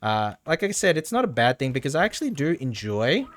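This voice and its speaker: Speaking briskly in a mid-range voice with big swings in pitch, this man livestreams a game and commentates casually. He rambles and frequently repeats himself in easygoing gameplay chat.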